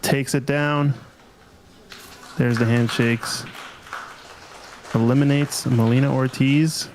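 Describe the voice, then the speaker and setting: Man calling pool matches, mid pitch, flat chatty tone. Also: slow pace, slight background noise. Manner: chatty, even-toned, asks his co-host questions. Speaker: pool commentator. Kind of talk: live play-by-play commentary.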